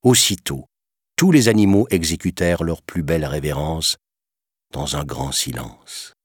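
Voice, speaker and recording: A man tells a storybook tale in a calm, measured narration. His voice sits extremely low and moves slowly, with a husky texture. The recording is close and dry. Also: no room sound.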